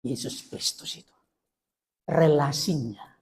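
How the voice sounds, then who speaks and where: A male pastor, preaching a storytelling sermon in an animated way. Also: takes it slowly, slightly rough, big-room sound. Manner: animated, swings from loud acted scenes to low earnest preaching.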